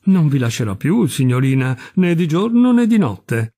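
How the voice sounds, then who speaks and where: A man reading aloud voices an impertinent young gentleman with a mocking manner. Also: a little high, big pitch swings, moderate pace.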